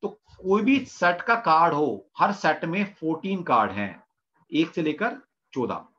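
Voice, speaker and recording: A man's voice: on the high side, animated, a little slow, a bit bright, highs cut off. A man teaching tarot in an online class, asking his students questions and answering them himself while repeating the terms. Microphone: video call mic.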